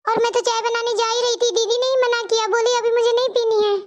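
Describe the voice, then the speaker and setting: Very high and squeaky, this woman's cartoon voice plays a polite young daughter-in-law who is dutiful and pleading. Her tone stays level and she talks fast.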